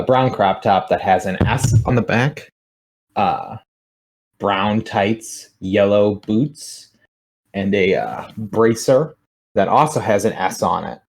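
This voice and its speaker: A man's voice: fairly low pitch, creaky. A man playing a tabletop game, describing his character hesitantly and thinking aloud. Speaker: player.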